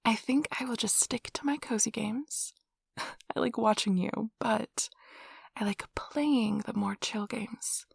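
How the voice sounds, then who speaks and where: With a fairly high pitch and a slow pace, a woman gives an exaggerated voice to a playful, affectionate, nerdy girlfriend in a whispery, breathy ASMR role-play marked by tender teasing. She comes across as playful yet reluctant, in a dry, clean studio recording.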